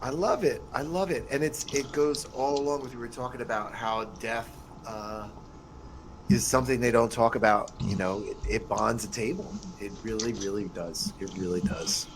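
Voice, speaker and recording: A man's voice: mid-range voice, moderate pace, background noise. A man, a podcast co-host, chatting casually and chiming in to back up the story, sometimes drifting away from the mic. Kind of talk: casual chat.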